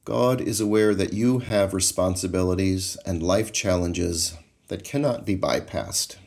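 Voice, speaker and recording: Man, very low voice, unhurried, calm meditation guide. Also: vocal fry. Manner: calm, slow, measured, soothing.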